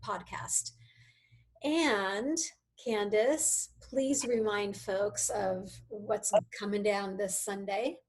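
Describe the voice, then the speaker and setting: Brief: bubbly female host, fairly high voice, casual soap-talk show. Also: darkish tone, slightly rough. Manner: bubbly, upbeat sign-off.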